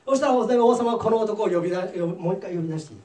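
A man preaching a sermon as pastor, telling a parable in a lively storytelling way. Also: high-pitched, fast talker, roomy sound, far from the mic. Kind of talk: sermon with English interpretation.

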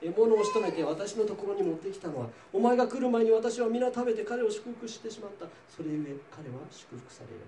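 A man's voice: sits high, expressive, fairly quick, few pauses, dark tone, far from the mic, pitched above the performer's own voice. A man reading the lines of an old blind father who is doubtful and later shaken. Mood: solemn. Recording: roomy, voice from off-mic, faint noise.

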